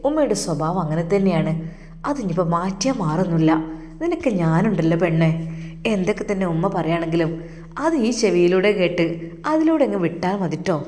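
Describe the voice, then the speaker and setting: A woman voicing a gentle, loving young husband who soothes his wife, speaking softly. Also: on the low side, long reverb tail, pitched below the performer's own voice, lightly acted. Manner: soft, reassuring. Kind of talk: storytelling narration.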